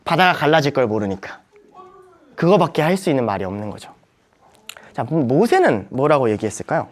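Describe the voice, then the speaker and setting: Animated young male preacher. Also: a little fast. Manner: animated, acts out quoted voices with sharp pitch jumps. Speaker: youth ministry preacher teaching teachers. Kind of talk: Bible study lecture.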